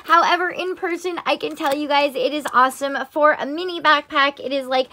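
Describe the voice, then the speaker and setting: A young woman chatting casually as a vlogger, gushing with the excitement of an anime fan. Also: sits high, a little fast. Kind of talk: casual shopping haul chat.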